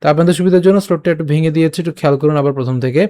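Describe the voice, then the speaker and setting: A man leads a pronunciation lesson in a slightly high voice. He breaks verses into syllables and repeats each one slowly and carefully. At times he chants the lines in a tune. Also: dark tone. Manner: slow, careful syllable-by-syllable recitation. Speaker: Gita teacher.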